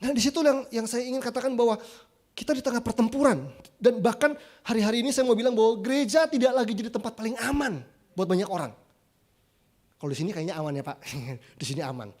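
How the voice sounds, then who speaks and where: A man's voice: very high-pitched, fast. A man preaching in church, telling stories in a loose, chatty way and acting out what people said. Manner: lively, chatty, acts out quoted voices. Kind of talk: casual storytelling sermon.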